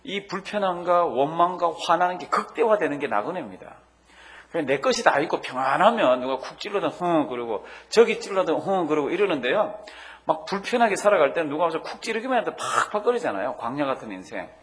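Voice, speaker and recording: A male pastor preaching a sermon, telling a story earnestly with pauses and fillers. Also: fairly high pitch, sing-song, a bit bright.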